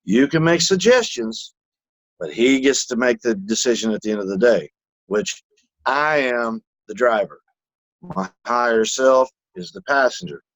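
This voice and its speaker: A man's voice: mid-range voice, sing-song, measured pace, fairly bright tone, dry recording, rough recording. A man co-hosting a casual podcast, telling stories animatedly, acting out voices and swearing freely. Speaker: podcast co-host.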